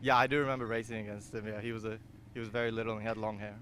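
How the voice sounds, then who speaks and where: A man's voice: fairly low pitch, fairly even intonation, very fast, fairly bright tone, slight background noise. A young man from Singapore, a racing driver, answering interview questions in an easygoing way full of fillers. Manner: easygoing, filler-heavy with many you-knows. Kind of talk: casual interview.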